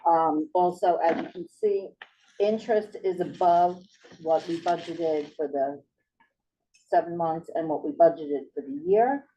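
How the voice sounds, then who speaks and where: A woman with a very low, mellow voice reads financial figures to a board, steady and plain with the odd um. She is picked up from across a meeting room on a dull, muffled mic with a faint hiss beneath. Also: a little slow, recorded from a distance. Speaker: finance officer presenting report.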